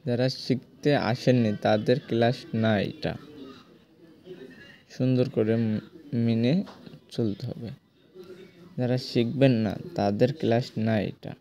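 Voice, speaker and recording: In a screen-recorded drawing lesson, a cartoon animation teacher guides viewers through a drawing step by step, going over points again and making sure they keep up. He speaks at a medium pitch with a flat, warm delivery, slowly and with frequent pauses. He's repetitive and coaxing, talking straight to the viewers.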